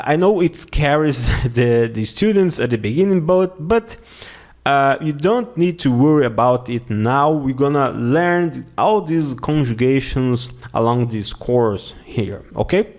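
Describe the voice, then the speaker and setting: A man's voice: mid-range voice, darkish tone. A man teaching a beginner German class in English, whose first language is Portuguese. He explains patiently and repeats words over and over as pronunciation drills. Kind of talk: online language lesson.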